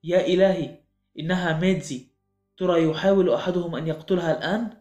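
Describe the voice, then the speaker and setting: A man's voice: sits high, fast talker, darkish tone, natural voice. A man voicing a frightened young woman guest in an audiobook, speaking in a trembling, tearful voice. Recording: echoey room with faint music.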